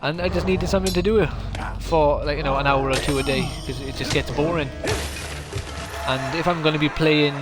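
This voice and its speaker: A man's voice: on the high side, steady tone, brisk. A man from South Wales with a South Welsh accent, chatting casually through a live game stream and answering his viewers. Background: game music.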